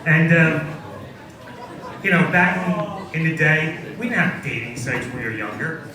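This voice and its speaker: A man's voice: on the high side, unhurried. A man in his forties performing a stand-up comedy set on a coffee house stage, self-deprecating punchlines delivered to a live crowd. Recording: very echoey room, far mic, audience noise.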